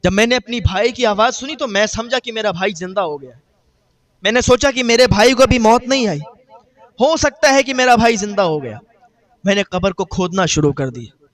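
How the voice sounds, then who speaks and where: A man's voice: sits high, animated. A man preaching voices a grief-stricken man who mourns his brother and tells the tale in a lamenting, pleading way. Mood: grieving.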